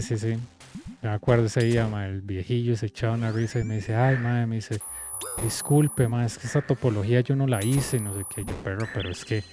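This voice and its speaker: A young man with a Costa Rican accent casually telling a work story while playing a game, acting out the people he quotes. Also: medium pitch. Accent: Costa Rican Spanish. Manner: animated, acts out quoted people in conversation. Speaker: game coach streaming gameplay. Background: game music.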